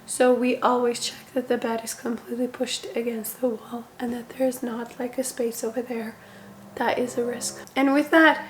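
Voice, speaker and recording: A young woman speaks from her bedroom in a relaxed, chatty home-tour manner, her voice a little hoarse and sitting fairly high. Her delivery stays level, without much rise and fall. A faint background noise runs underneath. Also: normal speed. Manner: chatty, relaxed, with frequent "like" fillers. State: voice somewhat hoarse. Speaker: parenting vlogger. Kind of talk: casual home tour talk. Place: her bedroom, seated indoors.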